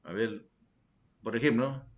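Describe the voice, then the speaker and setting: Slow-spoken male teacher explaining patiently. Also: medium pitch. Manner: slow, deliberate explaining, tag questions to students. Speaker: secondary school language teacher. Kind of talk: online class lesson.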